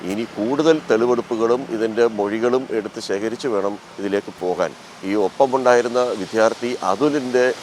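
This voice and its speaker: Male field reporter, very low voice, halting live delivery, faint street traffic behind. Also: poor audio. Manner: measured, with frequent filler pauses.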